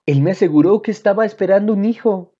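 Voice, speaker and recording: A woman reading aloud, voicing a gentle, cheerful young mother in a children's storybook with a sweet, sing-song manner. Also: medium pitch, fast talker, pitched above the performer's own voice, close to an everyday voice. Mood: tender. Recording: dull lo-fi audio.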